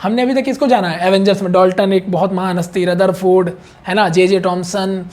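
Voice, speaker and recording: A man's voice: high voice, fairly even intonation, brisk, a little mellow. A male chemistry teacher giving a casual online exam-prep lecture, chatty, repeating key points and checking in often with his students.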